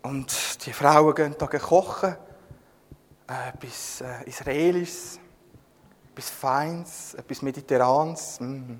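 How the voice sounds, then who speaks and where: A man's voice: mid-range voice, slow pace. A man with a Swiss German accent preaching a sermon, telling the story with humour and calling on listeners by name. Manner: lively, humorous storytelling, addressing listeners by name. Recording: long echoing reverb.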